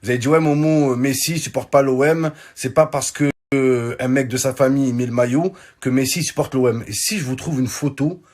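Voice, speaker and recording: A man's voice: medium pitch, a little fast, hardly any pauses, darkish tone. A young man telling jokes in casual street slang, talking straight to his phone camera. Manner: joking, slangy street French. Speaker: comedian vlogger. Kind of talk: casual comic monologue.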